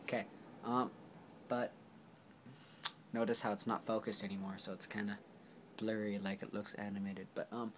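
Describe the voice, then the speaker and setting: Man, toy review vlog, lowish voice, rambling and apologetic, camera mic, faint hiss. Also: flat delivery, normal speed, pauses often. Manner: rambling, filler-heavy, apologetic.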